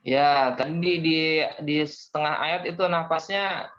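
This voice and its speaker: A man's voice: a little high, steady tone, unhurried, a bit bright, slight background noise. A young man teaching a class, patiently explaining step by step and calling on students. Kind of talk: online class lesson. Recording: dull lo-fi audio.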